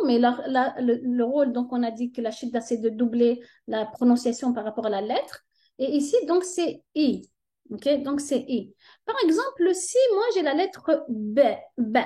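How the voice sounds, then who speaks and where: Patient woman teacher, warm high voice, unhurried tutorial delivery. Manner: patient, checks understanding with frequent "ok?". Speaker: Arabic reading teacher. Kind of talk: step-by-step tutorial lesson.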